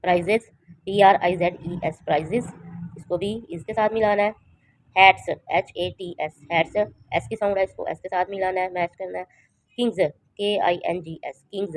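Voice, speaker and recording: A woman teacher giving an English lesson for young children, spelling words letter by letter and reading the English slowly before translating it. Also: medium pitch, darkish tone, low-quality recording. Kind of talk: home-tuition English lesson.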